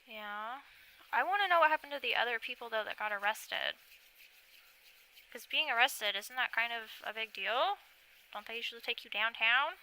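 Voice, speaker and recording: A young woman streaming live, chatting casually into a desk mic, reading names aloud and thinking out loud about each one. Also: a little high, animated, normal speed, smooth, poor audio. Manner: chatty, thinks aloud, reads a list of names and checks her pronunciation. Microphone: desk microphone.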